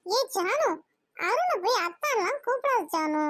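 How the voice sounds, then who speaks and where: A woman's voice: very high-pitched, big pitch swings, measured pace, fairly bright tone, no room sound, studio quality, full character voice. A woman voicing a bossy middle-aged mother in a cartoon who scolds and fusses over her daughter's marriage. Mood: fussing. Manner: scolding, fussing. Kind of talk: cartoon voice acting.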